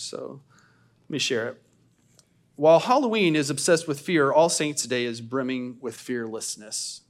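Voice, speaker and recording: A man speaking as a pastor, delivering a sermon and communion liturgy in a solemn, measured, declamatory manner. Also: mid-range voice. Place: church service.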